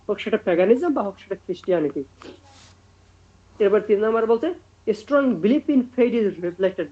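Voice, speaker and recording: Guy tutoring a class over a video call, muffled call sound, reads slow then explains with lots of umms. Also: sits high, mellow. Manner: explains slowly with many fillers, reads out English points then explains them. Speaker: literature tutor. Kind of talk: online class lecture.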